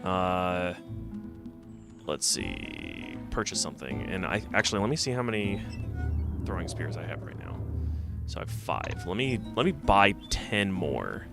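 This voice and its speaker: A man casually comments on a game he's streaming, a little stuffy from a cold and rambling as he thinks out loud. His voice is low and creaky, with big pitch swings and a slightly slow pace. Game music plays behind him.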